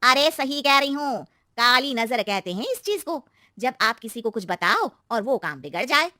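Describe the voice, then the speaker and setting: A superstitious middle-aged aunty from a cartoon story, voiced by a woman, always quietly warning others. The voice sits high and bright, and it is recorded close and dry. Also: very animated, normal speed, dry recording. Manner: warning, knowing tone.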